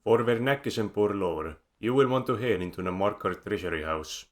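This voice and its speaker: In a close voice-over, an Estonian-accented man delivers a scripted guide to a video game, his tone measured and drily wry. His pitch is fairly low and his manner animated.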